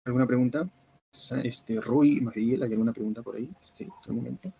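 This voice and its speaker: A man teaching a biochemistry review class online, who keeps checking whether students follow by asking if everything is clear. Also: mid-range voice, steady tone, brisk, dark tone, highs cut off. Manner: repetitive, checks understanding with "¿está bien?" and "¿cierto?".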